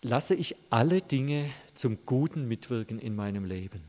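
A man addresses his congregation directly, preaching in an earnest, story-driven way with lively intonation and a moderate pace. His medium-pitched voice is a little mellow and echoes with the long reverb of a big church hall.

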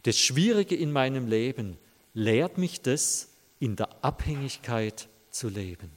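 A man's voice: medium pitch, expressive, unhurried. A man preaching a sermon, telling a story earnestly and speaking directly to his listeners. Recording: long hall reverb.

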